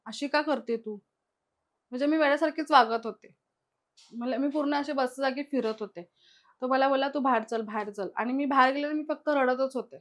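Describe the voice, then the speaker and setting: A woman's voice: high-pitched, a little fast. A young woman guest casually retelling her own experiences, acting out the quoted dialogue of the people involved. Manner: chatty, retells events with lots of quoted dialogue. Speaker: guest sharing personal experiences. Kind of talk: casual spoken storytelling.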